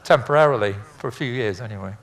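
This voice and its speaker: This older man, once an air traffic controller, speaks quickly in a medium-pitched, somewhat bright voice. His illustrated lecture is informal and meandering, packed with anecdotes and a dry wit.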